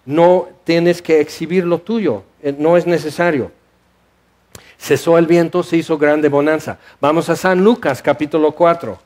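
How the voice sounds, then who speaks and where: A man's voice: fairly high pitch, steady tone, a little slow, darkish tone. A man preaching a sermon in a church hall, asking rhetorical questions and explaining scripture with animation. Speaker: pastor.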